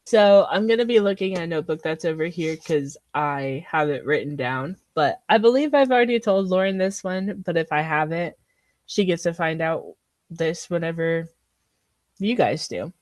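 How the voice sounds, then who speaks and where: A young woman with a fairly low voice co-hosts a casual podcast and tells a childhood story. She laughs often and slips in filler words. The sound is dry and close, with no room echo. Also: expressive, normal speed, a little mellow. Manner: chatty storyteller, laughs often, says "anywho". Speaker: podcast co-host. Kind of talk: casual chat.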